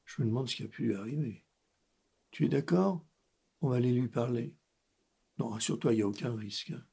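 A man telling a calm, hypnotic story for children, softly guiding the listener. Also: medium pitch, brisk, creaky, breathy edge. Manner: soft, calm, guiding, speaks directly to the child.

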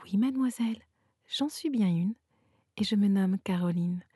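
A woman's voice: mid-range voice, moderate pace, dark tone, husky, dry recording, clean studio sound, close to an everyday voice. A woman voicing a tiny female fairy in a whispered role-play, with a small, light voice. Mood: playful.

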